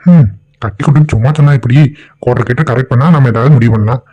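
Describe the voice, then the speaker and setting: A gruff, boastful cartoon village thief and father, voiced by a man. He scolds and brags in an everyday middle pitch. The dull, lo-fi audio takes the shine off his voice. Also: quick pace, natural voice. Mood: scheming. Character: scheming middle-aged male village thief, greedy father.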